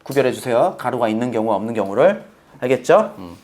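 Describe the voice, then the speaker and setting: A man teaching math, walking through the steps and constantly quizzing his students with quick questions. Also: mid-range voice, big pitch swings, darkish tone. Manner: playful, talking to himself. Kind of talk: lecture.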